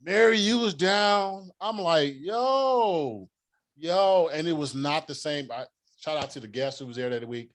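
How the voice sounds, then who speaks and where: A man's voice: fairly high pitch, normal speed, fairly bright tone. A man hosting a casual live-stream show, playful and teasing with loose slangy talk. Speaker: show host.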